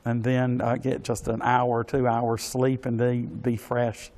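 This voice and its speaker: Halting man in his sixties. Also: mid-range voice, completely flat delivery, darkish tone. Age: 60s. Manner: halting and hesitant, with many pauses and repeated words. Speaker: interview guest, pageant organization official. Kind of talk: polite spoken interview answers.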